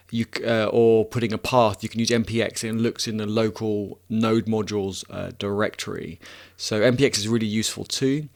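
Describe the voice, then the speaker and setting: A man in his thirties hosting a casual live stream, answering chat questions and thinking aloud with many restarts and self-mocking laughs. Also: lowish voice.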